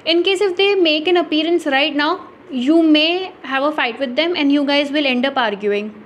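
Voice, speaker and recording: A woman's voice: high voice, a little hiss or hum. A young woman with an Indian English accent giving a tarot reading, rambling with many fillers and sighing between thoughts. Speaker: tarot reader.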